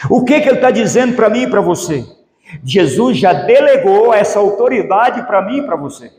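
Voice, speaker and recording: Here a high-pitched, slightly mellow male pastor delivers a sermon at normal speed, his pitch swinging widely. He throws rhetorical questions at the congregation. It's recorded in an echoey church hall with long reverb.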